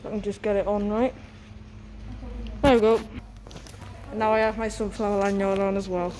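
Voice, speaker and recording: A woman's voice: medium pitch, steady tone, moderate pace, dark tone. A young woman with a North East English accent gives casual vlog commentary through a face mask, slightly muffled, announcing trains as she goes. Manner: announces train numbers and destinations. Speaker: host of a train-spotting vlog. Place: outdoors on a railway station platform. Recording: noisy outdoor station with vehicle noise.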